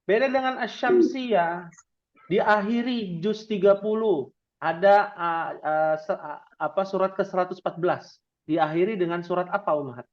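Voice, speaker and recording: A man's voice: sits high, normal speed, muffled recording. A man teaching a Quran reading class, speaking with a light tinge and quizzing his students with playful questions. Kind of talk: interactive religious class.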